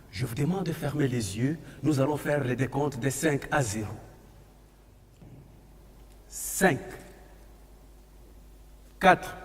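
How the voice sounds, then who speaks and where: A man tells a story on stage, speaking slowly in a high, sweeping voice as he guides the audience. His slightly husky voice rings out through a reverberant hall. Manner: slow, guiding the audience like a village storyteller.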